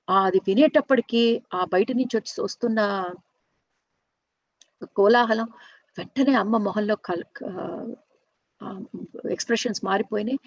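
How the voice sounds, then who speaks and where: Woman storyteller, slightly high pitch, earnest and halting with frequent restarts. Dull, dry lo-fi recording. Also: husky, no echo. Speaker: storyteller and workshop teacher. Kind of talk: unscripted spoken storytelling.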